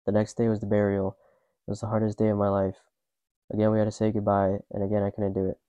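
Young man narrator, low and monotone, mellow and subdued, dry close recording. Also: fast talker, smooth, dry recording, muffled recording. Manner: subdued, grieving, restrained. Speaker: podcast co-host narrator. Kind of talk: scripted personal narration.

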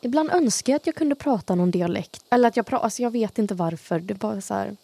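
A young woman with a light Gothenburg accent chatting casually as a podcast co-host, with a dry way of talking that sounds sarcastic even when she means it. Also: medium pitch, creaky. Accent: light Gothenburg Swedish. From Sweden, grew up in Gothenburg. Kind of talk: casual chat.

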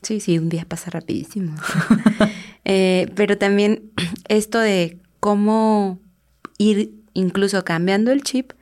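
A woman, co-hosting a casual podcast in a relaxed way with lots of fillers. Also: medium pitch, a little slow. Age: 30s. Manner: relaxed, talks with many fillers. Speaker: podcast co-host.

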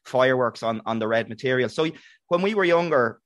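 A middle-aged Irishman talks quickly in a casual, conversational style. His voice has an Irish accent and a medium pitch, recorded dry and close. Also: animated, a bit bright, no echo.

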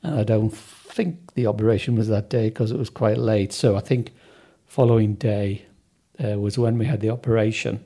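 Mellow man with softened Sunderland accent. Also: fairly low pitch, fairly even intonation, moderate pace, few pauses, slightly rough. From North East England, Sunderland area. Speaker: interview guest. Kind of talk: casual recollection in an interview.

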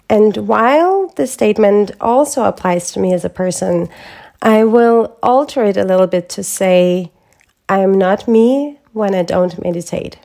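Calm, mellow-voiced woman podcast host. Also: medium pitch, gravelly. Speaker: podcast host and holistic health coach. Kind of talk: scripted solo podcast talk.

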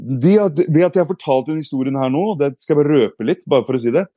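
Dark-voiced man talking it through. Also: on the high side, dry recording, clean studio sound. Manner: reflective, with hesitations and restarts. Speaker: speaker. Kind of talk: casual explanatory talk.

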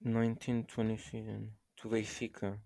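A man's voice: lowish voice, completely flat delivery, moderate pace, creaky, warm tone, no echo, clean studio sound. A man co-hosting a casual football podcast, playful and teasing, thinking aloud as he answers. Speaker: podcast co-host.

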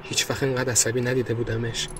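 A man narrating a first-person horror story in a grim, low tone, also hosting the podcast. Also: little pitch movement, fairly bright tone, a little hiss or hum.

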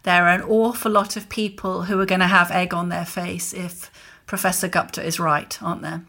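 Bright, indignant woman co-host. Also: fairly low pitch, flat delivery, moderate pace, vocal fry. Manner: indignant and emphatic. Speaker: podcast co-host, columnist. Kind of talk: opinionated political chat.

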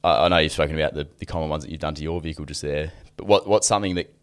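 A man's voice: very deep voice, very fast, clear, resonant tone. A man with a broad Australian accent hosting a podcast in a blokey, laid-back, slangy, chatty way. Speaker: podcast host. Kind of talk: casual chat.

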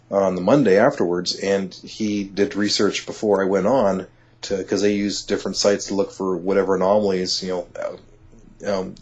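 A man with a low, husky voice tells a personal story in conversation. He stumbles, restarts and fills gaps with "you know", and his voice climbs when something amazes him. The audio is dull and lo-fi. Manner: excitable, rising when amazed. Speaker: interview guest.

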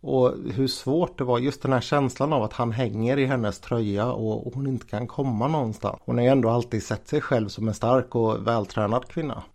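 A man's voice: mid-range voice, steady tone, gravelly, hardly any pauses, a little mellow. A man narrating a true story in a casual, conversational way. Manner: conversational, with fillers and restarts.

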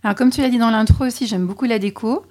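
Mellow-voiced chatty woman. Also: on the high side, fast talker. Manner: chatty and candid, with frequent hesitations. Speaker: podcast co-host being interviewed. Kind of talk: casual interview answers.

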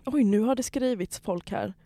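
Animated young woman telling stories. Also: fairly high pitch, no echo. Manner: animated storyteller, acting out chat messages. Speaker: podcast co-host. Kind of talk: casual chat.

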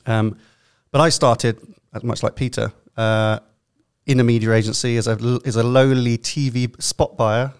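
A man's voice: mid-range voice, fairly even intonation, moderate pace, clean tone. A man with a London accent, a CEO on a podcast panel, talking at length with many fillers and restarts. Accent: London English. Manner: rambling, filler-heavy, self-correcting. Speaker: consultancy CEO, panel guest.

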